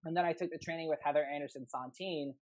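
A man's voice: a little high, steady tone, fast talker, no echo, low-quality recording. A young man from New York, a spinning instructor, telling his story eagerly and rambling on a home video call. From New York, USA. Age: young adult. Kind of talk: casual video call interview.

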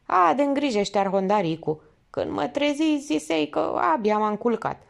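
A woman voicing a weary middle-aged male truck driver who speaks hoarsely and unsurely in rustic speech. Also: on the high side, lively intonation, pitched above the performer's own voice. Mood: plaintive.

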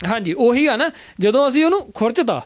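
A man, an herbal remedy practitioner, explaining home cures in a health interview and acting out his patients' words in an animated way. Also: very high voice, fairly quick, no room sound, clean studio sound.

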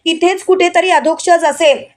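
Lady doing a kind old guy calming everyone down, high voice. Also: normal speed. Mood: reassuring. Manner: calm, reassuring. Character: gentle older holy man, calming elder.

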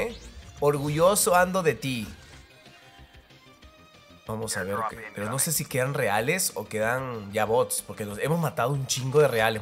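A man giving live, excitable commentary over his own gameplay, repeating words in rapid bursts and cheering. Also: medium pitch. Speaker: mobile game player and creator. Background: faint game music and gunfire.

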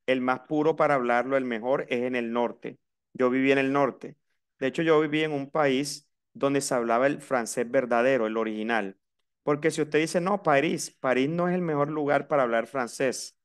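A man's voice: medium pitch, smooth. A man with a Colombian Caribbean coast accent teaching a class, switching between Spanish and French and repeating words patiently for his students.

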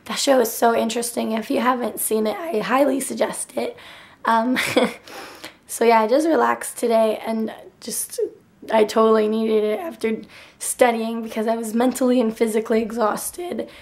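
A young adult woman with a nearly lost, raspy whispery voice and dry throat, chatting casually to a handheld camera in a bedroom. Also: fairly high pitch, normal speed, darkish tone. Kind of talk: casual vlog chat. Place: bedroom, indoors. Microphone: handheld camera at arm's length.

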